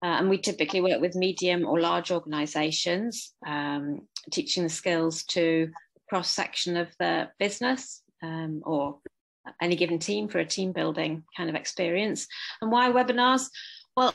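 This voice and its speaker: An articulate woman, a co-founder of a training company, introducing herself in measured, polished speech on a group video call. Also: fairly low pitch.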